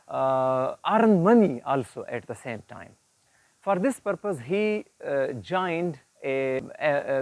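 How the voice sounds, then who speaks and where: With no echo, a higher-pitched man, a storyteller and presenter, informally retells an inspirational moral story. He is earnest and didactic, halting often with frequent pauses and repeats.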